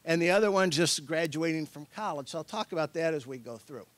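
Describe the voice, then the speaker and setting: A man's voice: on the high side, lively intonation, fast talker, no room sound. A middle-aged man giving an informal workshop lecture in a conversational, loosely hedged way as the presenter. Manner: conversational, hedging, chuckles often.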